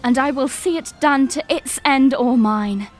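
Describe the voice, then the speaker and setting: A woman's voice: high voice, a little slow, faint music behind. A woman playing a young princess in an audio drama, speaking formally and earnestly as a solemn, resolute leader. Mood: solemn, proclaiming. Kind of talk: fan audio drama acting, formal oratory.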